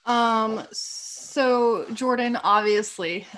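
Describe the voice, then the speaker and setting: A woman's voice: on the high side, drawn-out words, a bit bright, slight background noise, low-quality recording. Chatty woman telling stories on a podcast. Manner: informal, peppered with slang. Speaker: podcast co-host. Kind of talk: casual chat and anecdotes.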